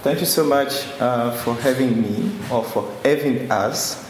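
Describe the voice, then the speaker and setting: A man's voice: mid-range voice, a little slow. A man from Congo, a curator, giving an earnest, searching introduction at a public event and often restarting his phrases. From Democratic Republic of Congo. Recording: very echoey room with light noise.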